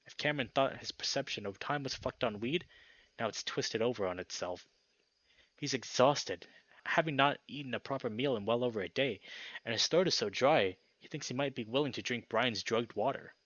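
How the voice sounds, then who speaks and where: This young man hosts a video and narrates a visual novel, reading it aloud and adding casual commentary. His voice sits in the mid range and moves at a moderate pace, with loud game music behind him. The audio is dull but has no echo.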